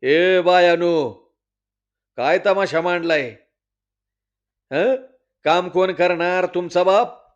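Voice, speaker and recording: A man voicing a stern village headman who calls out and gives orders loudly. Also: on the high side, slow, long pauses. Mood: scolding. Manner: bossy, shouting orders. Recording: dull lo-fi recording.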